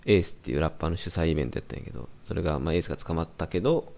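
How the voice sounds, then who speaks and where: A man's voice: very deep voice, very fast, gravelly, a little mellow. A young man with a Kansai accent, co-hosting a podcast in laid-back casual chat and laughing often. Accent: Kansai Japanese. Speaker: podcast co-host.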